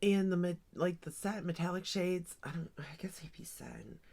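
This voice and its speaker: Doing her makeup on camera, this woman in her forties chats in a low, darkish voice with vocal fry at a normal speed. The get-ready-with-me talk is casual and rambling, full of ums and likes as she thinks out loud.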